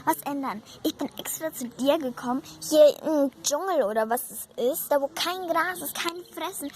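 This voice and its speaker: A woman's voice: sits high, normal speed, a little mellow, slight background noise, voice pushed up, natural voice. A woman voicing a sulky, homesick young horse who complains about hunger. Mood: complaining.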